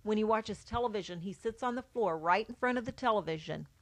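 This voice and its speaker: A middle-aged woman reads her own account aloud, a mother speaking plainly and evenly. Her pitch sits in the ordinary middle range for a woman, and she keeps a calm, matter-of-fact delivery. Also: fairly quick. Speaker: mother of a child with albinism. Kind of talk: read-aloud personal account.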